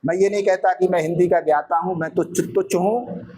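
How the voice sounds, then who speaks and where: High-voiced man teaching a Hindi poem. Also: fairly even intonation, mellow, poor audio. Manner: explains verses line by line, recites slowly, sometimes raises voice. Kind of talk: classroom poetry lesson. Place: school classroom.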